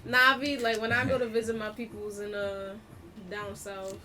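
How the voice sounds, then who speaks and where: A young woman chatting on a podcast with joking, animated banter. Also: medium pitch, moderate pace, a crowd in the background. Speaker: podcast co-host. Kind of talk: casual podcast chat. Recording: distant mic, noisy room.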